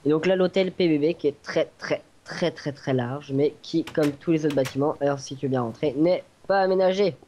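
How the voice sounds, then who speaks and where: A man's voice: on the high side, moderate pace, few pauses, mellow, slight background noise. A man giving a casual, hesitant walkthrough tour of a game server, often searching for words. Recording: dull lo-fi home recording.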